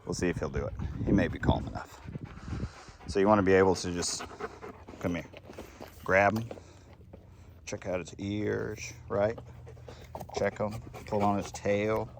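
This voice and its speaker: A man's voice: lowish voice, steady tone, measured pace, gravelly, pauses often, background noise. A man who trains dogs, giving an unscripted outdoor talk in a casual, blunt, rambling way with lots of fillers. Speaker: dog trainer and kennel owner.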